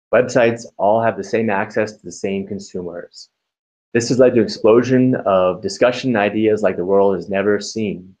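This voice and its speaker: A man on a panel, co-founder of a small software company, reading measured, formal prepared remarks. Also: on the low side, rough recording.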